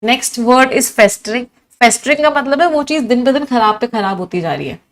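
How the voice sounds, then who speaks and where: Fairly high in pitch and at a normal speed, a woman teaches English vocabulary to a live online class. She mixes Hindi and English, lists synonyms in succession, and energetically quizzes her students.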